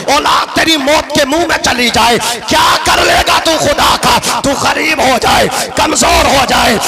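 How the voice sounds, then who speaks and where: A man preaching a fiery sermon, shouting his lines in a sing-song cadence, with a crowd and music behind him. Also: extremely high pitch, gravelly.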